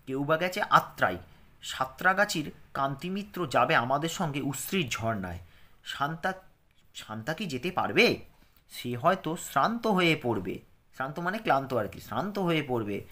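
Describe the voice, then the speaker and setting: A man teaches young pupils from a textbook, reciting its verse with a rhythmic lilt before explaining the words in plain terms. His voice is bright and forceful, and his pitch swings widely. He speaks like a patient classroom teacher. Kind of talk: reading aloud and explaining a children's textbook.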